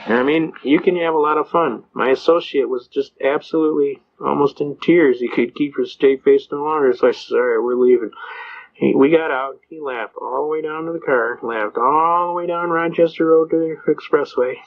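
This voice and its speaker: A man's voice: a little high, moderate pace, few pauses, dull audio. An older man and Vietnam veteran talking in a rambling, folksy storytelling way, with plenty of "uh" fillers. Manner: folksy, anecdotal, acts out quoted voices. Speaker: speaker giving advice on citizens' rights.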